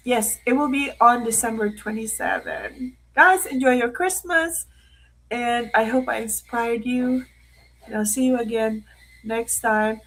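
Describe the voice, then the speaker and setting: A middle-aged woman with a Filipino accent, hosting an emotional live stream and often clearing her throat. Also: on the high side, slow pace, pauses often, a bit bright, slight background noise, poor audio. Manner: tearful, often clearing her throat, mixing in Tagalog phrases. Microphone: live stream mic.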